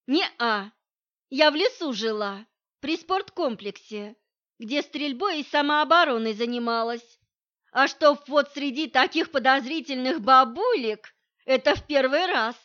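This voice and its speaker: Audiobook bit: woman reader doing a loud, cheeky young woman, pitched up a touch, dull lo-fi sound. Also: animated. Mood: excited. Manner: loud, teasing, quick-tongued. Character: brash cheeky young woman, former shooter. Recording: dull lo-fi recording.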